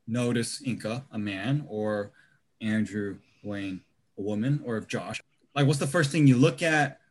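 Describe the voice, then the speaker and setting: A young man hosting a casual podcast, teasing his co-hosts and steering the topics. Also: mid-range voice. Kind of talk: casual chat.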